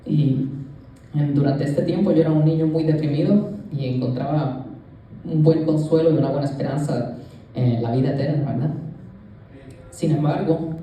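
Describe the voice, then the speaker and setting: Addressing the congregation directly, a young man from Puerto Rico, a youth leader, gives his testimony earnestly in a church sanctuary. His fairly high, dark-toned voice moves at a moderate pace with long pauses, heard distantly in an echoey hall with a little hiss or hum.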